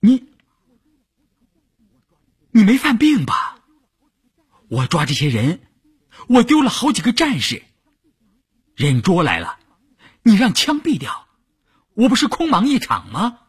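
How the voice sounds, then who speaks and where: A male storyteller voicing a blunt, hot-headed male faction commander who gets flustered and excitable. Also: a little slow, breathy edge, heavily acted. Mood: agitated. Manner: flustered, excitable, cries out high. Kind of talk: traditional storytelling.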